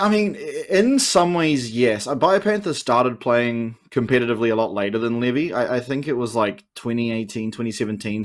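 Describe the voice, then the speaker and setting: With a mid-range voice and a New Zealand accent, a man talks through his views at length, like an esports caster in a relaxed, analytical podcast discussion.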